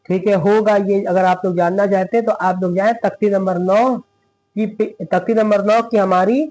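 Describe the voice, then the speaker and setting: A man teaching Quran recitation rules, who often checks in with "theek hai" and recites verses slowly to demonstrate. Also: high-pitched, level tone, a little mellow, low-quality recording.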